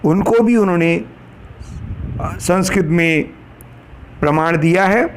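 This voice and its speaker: Slow, high-voiced man teaching. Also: a little hiss or hum. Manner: slow, measured explanation, recites Sanskrit verses. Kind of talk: lecture on pronunciation for trainee teachers.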